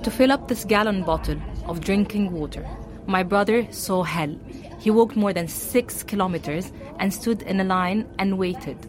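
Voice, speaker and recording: A woman reads a translation voice-over in the first person, at a mid pitch for a woman. Her delivery is calm and plain, a steady reading of someone else's words. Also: moderate pace, crowd noise.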